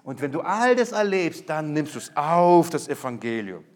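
Emphatic preacher, man, fairly high voice. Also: big pitch swings, normal speed. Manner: emphatic, swings from loud to quiet, repetitive rhetorical buildup. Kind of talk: sermon.

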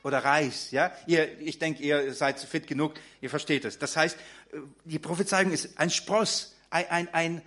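A man's voice: fairly high pitch, fairly even intonation, a little slow, a bit bright. A man preaching a sermon in German, talking directly to his congregation with frequent fillers and restarts.

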